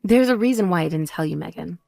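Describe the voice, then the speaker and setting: Story read: a woman playing a composed older sister, cool and measured, lively lower tone, dry close sound. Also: vocal fry, no echo. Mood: firm. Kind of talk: voiced text story dialogue.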